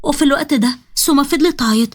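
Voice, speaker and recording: An Egyptian woman tells a drama story in a fairly high voice. She narrates at a very fast pace. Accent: Egyptian Arabic.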